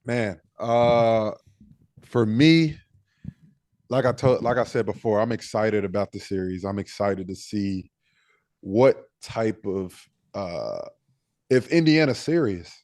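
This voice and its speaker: A man's voice: lowish voice, animated, slow pace, a little mellow, no echo, clean studio sound. Laid-back man in casual sports talk. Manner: laid-back, thinks aloud with fillers. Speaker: podcast co-host.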